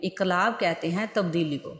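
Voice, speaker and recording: A woman with a fairly low voice teaches Quran recitation rules. She goes over each point more than once and puts questions to the listener. The room is echoey, with a long reverb tail. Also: fairly bright tone. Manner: repeats points and asks questions to the viewer. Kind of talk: online recitation lesson.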